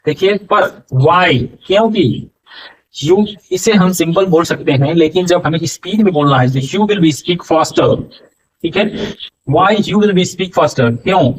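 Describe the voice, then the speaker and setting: Male teacher, slightly high voice, very slow deliberate pace, mic set back at a distance. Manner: slow, drawn-out dictation of English words; switches between Hindi and halting English. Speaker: English teacher. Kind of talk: spoken English lesson.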